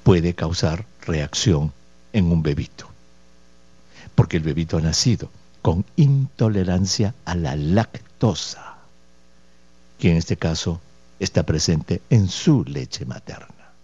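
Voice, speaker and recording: A man with a deep, mellow, husky voice hosts a radio health show as a doctor, taking it slowly and pausing often as he expressively answers listeners' questions. He explains patiently with rhetorical questions and homey diminutives, in dull, dry lo-fi studio sound.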